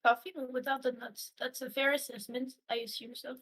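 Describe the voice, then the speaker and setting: Casting: woman tabletop gamer with a fairly high voice, relaxed everyday chat style. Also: fairly quick. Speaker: tabletop game player. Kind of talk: casual chat.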